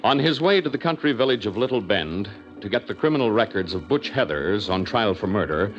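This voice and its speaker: A man's voice: on the low side, a little fast. A man announcing and recapping the story in the style of a 1940s radio show. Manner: even recap of the plot. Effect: old radio show broadcast. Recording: dull old radio broadcast with music behind.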